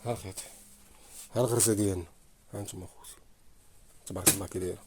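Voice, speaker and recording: With a low-pitched, fairly even voice, a Moroccan-accented man races through a casual sewing machine demonstration in his workshop, talking to viewers as he sews. "Here you go brothers," he repeats. It's filmed on a phone camera held close during the work, against a noisy background.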